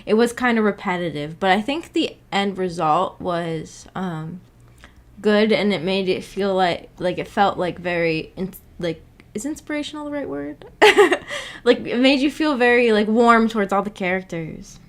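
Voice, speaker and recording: Animated and medium-pitched, a woman talks at normal speed while hosting a visual novel book club stream. She reacts to viewer comments in casual chat, hesitating and giggling as she reaches for words.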